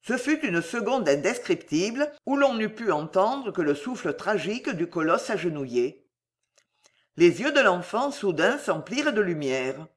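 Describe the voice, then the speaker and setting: A narrator giving a dramatic, expressive reading of a classic novel. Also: mid-range voice, unhurried.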